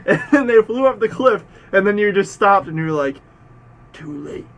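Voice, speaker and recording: A man's voice: sits high, animated, a little fast, fairly bright tone. A young man co-hosting a casual podcast, joking and laughing with his friends. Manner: giggly, jokey banter. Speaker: podcast co-host. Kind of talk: casual chat.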